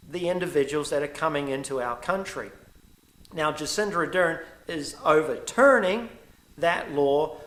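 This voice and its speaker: A middle-aged man with a New Zealand accent talks straight to his viewers in an indignant, emphatic monologue that wanders into asides. His voice sits a little high for a man. The room around him is echoey and reverberant. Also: a bit bright. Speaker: vlogger. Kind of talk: direct-to-camera opinion monologue.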